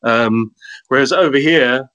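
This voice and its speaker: A man with a South African accent, a content creator appearing as a guest in a casual interview, cheerfully shares anecdotes about his work and life. His mid-range voice is unhurried, bright and forceful.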